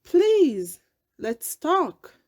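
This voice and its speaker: An earnest male fish voiced by a woman in a children's storybook. The voice rises high and pleads for peace, with slow, careful delivery. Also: sing-song, a little mellow, exaggerated voice. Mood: pleading.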